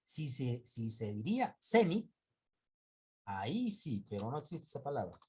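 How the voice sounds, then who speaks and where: A man's voice: mid-range voice, very animated, a little mellow, breathy edge. A male teacher giving an online class, patiently drawing out example words and often correcting himself and checking in with students. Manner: patient, drawn-out word examples.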